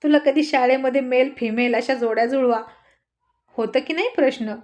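A mischievous grown husband full of cheeky jokes, read by a woman narrator, his voice pitched a little high. He speaks in quick banter, as if leaning in with a grin, in a spoken storybook. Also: darkish tone, natural voice. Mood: teasing. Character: playful teasing husband, grown man.

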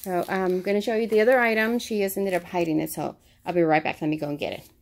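A woman with a fairly low voice speaks at a quick pace with a steady tone as she casually shows items for a shopping haul vlog. Her narrated show-and-tell is hesitant and rambling, recorded in a carpeted room at home.

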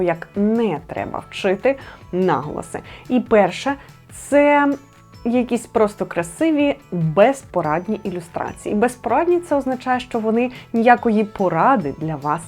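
A young adult woman teaching a lesson, explaining clearly and emphatically. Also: mid-range voice, a little mellow. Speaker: Ukrainian language teacher. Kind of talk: instructional video lesson.

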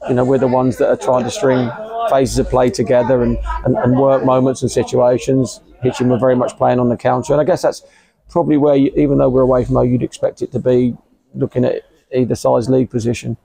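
Gravelly English football manager, flat delivery. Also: male voice, medium pitch, poor audio. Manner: measured, hesitant, many fillers and repeats. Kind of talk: post-match interview. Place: outdoors under a covered stand at a football ground.

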